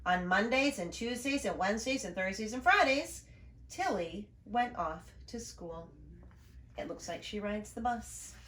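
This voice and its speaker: A woman who reads storybooks as an educator reads a children's story aloud expressively, tossing in small asides about the pictures for young listeners. Her mid-range voice is a little slow, and the roomy, echoing recording has a little hiss or hum.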